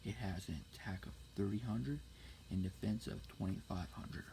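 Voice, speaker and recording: A man speaking very quietly, sometimes whispering, close to the ear in an ASMR style, reading things out slowly. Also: on the low side, gravelly, noisy background. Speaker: ASMR card collector showing a deck. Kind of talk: quiet ASMR talk, soft-spoken to whispered. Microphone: close-up ASMR mic.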